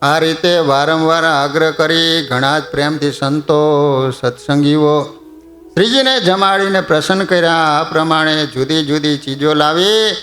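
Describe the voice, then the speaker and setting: A man's voice: on the high side, a little slow, a bit bright. A male preacher telling a devotional story in a chatty way, often putting questions to his audience. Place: temple hall. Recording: echoey hall, faint music behind.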